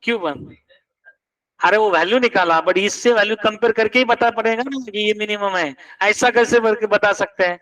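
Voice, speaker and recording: A man's voice: high voice, normal speed, pushed and bright, distant mic, poor audio. A man teaching math in a classroom, quizzing students and pressing them to check each step. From India.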